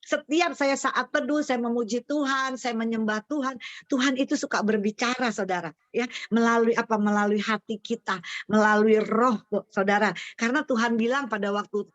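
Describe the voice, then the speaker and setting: A woman's voice: no room sound, dull audio. A woman pastor with an Indonesian accent, giving a testimony sermon and calling her listeners "brothers and sisters" again and again, voicing the quoted prayers with fervor. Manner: addresses the congregation as "saudara" again and again; animated, acting out quoted prayers at a higher pitch.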